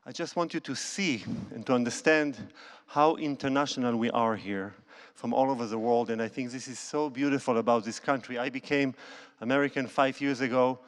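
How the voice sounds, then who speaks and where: A conductor who also plays cello chats with the concert crowd from a church stage through a handheld mic, his medium-pitched voice fairly quick with few pauses. His storytelling is relaxed, marked by non-native wording and sentences he starts over.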